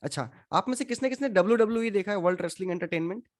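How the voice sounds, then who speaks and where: A man's voice: sits high, racing. A man teaching a scripture class. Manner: questions the audience, mixes in English. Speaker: spiritual teacher. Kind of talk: Gita class lecture.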